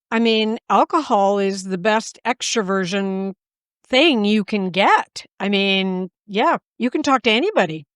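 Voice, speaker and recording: A woman's voice: mid-range voice, smooth, no echo, clean studio sound. A woman hosting a podcast, asking questions in a loose conversational way with trailing fillers. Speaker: podcast host. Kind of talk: casual interview.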